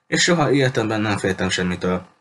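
A cruel pirate captain, as a man reads him in an audiobook, coldly polite and full of threats. The voice sits low and steady. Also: slight background noise. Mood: menacing. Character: cruel menacing male pirate captain, adult. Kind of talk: audiobook character reading.

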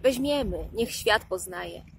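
A woman voicing a weary young older sister who speaks in hushed, muttered tones in an audiobook. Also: medium pitch, lively intonation, slow pace, gravelly, slight background noise. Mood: tender.

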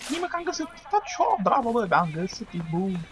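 A man giving excitable let's-play commentary, shouting and trash-talking at enemies. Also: extremely high pitch. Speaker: gaming video host.

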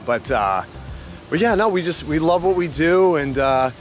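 A man with a Maine accent hosts a casual vlog outdoors in a town, talking loosely with plenty of fillers and restarts. His voice is a little high and expressive, at normal speed, with soft music in the background.

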